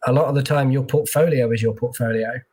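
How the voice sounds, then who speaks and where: A man's voice: medium pitch, fairly even intonation, fast, dark tone, breathy edge. A man working as a tech recruiter, chatting casually in an interview with lots of fillers and restarts, heard over a video call.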